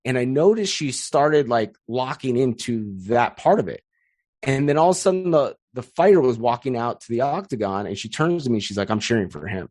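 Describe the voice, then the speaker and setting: A man in his thirties talks casually as a podcast guest, steady in pitch and energetic, with frequent restarts as he spins a story. The sound is dry and close, with no room around it. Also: normal speed, no echo. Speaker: podcast guest, content strategist. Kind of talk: casual interview chat.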